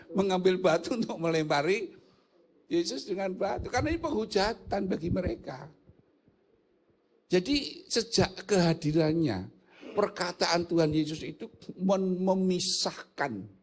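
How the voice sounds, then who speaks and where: An older man with a Javanese accent, a pastor teaching a church theology class, joking and asking his listeners rhetorical questions in casual speech. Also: high voice. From Indonesia. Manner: mixes in colloquial local words.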